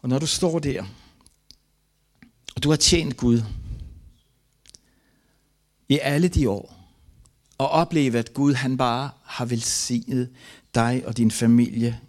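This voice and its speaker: An older man from Denmark, a missionary giving a testimony, reads aloud from his own memoir in an earnest, grief-laden and halting way. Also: mid-range voice.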